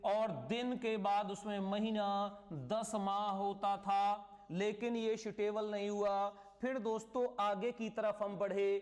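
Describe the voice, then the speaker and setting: A male teacher giving a live online class lecture, often repeating key words and checking "clear?". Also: sits high, in a large hall.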